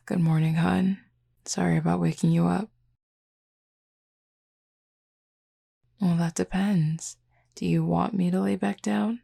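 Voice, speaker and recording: A woman performs a flirty, confident werewolf character for an intimate audio roleplay, her gravelly, husky drawl teasing and playfully commanding. Her voice is on the low side, steady and mellow at a moderate pace, exaggerated in delivery, with a soft, affectionate mood.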